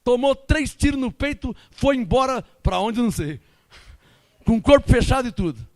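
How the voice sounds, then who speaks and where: This man preaches as a pastor, his Brazilian Portuguese accent coloring a very high-pitched voice. He speaks at a moderate pace, switching between loud, emphatic bursts and soft asides with lively energy.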